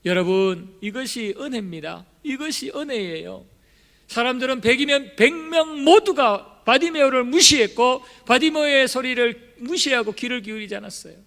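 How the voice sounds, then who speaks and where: A male pastor preaching a sermon in a church, impassioned and emphatic, swinging between soft and loud delivery. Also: extremely high pitch, normal speed. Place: church sanctuary. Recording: long reverb of a church hall.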